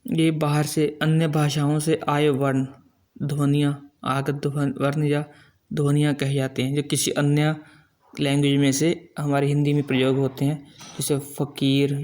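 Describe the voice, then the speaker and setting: A middle-aged man teaches grammar at an unhurried pace, holding each example sound out. His voice sits a little high for a man and stays level, with little rise and fall. He explains patiently, step by step. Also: darkish tone. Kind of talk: classroom-style grammar lesson.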